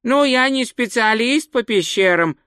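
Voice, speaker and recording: A man's voice: very high-pitched, expressive, unhurried, pushed and bright, clean tone, dry recording, clean studio sound, voice pushed up, heavily acted. A man voicing Twoflower, a meek, polite little male tourist who speaks naively and carefully in a storybook reading. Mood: musing.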